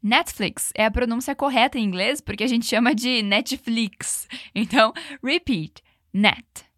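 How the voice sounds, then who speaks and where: Higher-pitched woman, slow drilled English. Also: fairly bright tone, dry recording, clean studio sound. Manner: slow, drawn-out English model phrases; encouraging, repeats drills. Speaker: English teacher. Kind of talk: language lesson.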